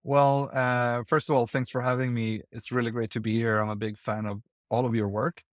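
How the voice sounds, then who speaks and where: Man from Sweden, interview guest, thoughtful, stop-start phrasing, mid pitch, dry sound. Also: level tone, no room sound. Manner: thoughtful, halting with repeated words. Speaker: guest, investor. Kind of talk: conversational interview.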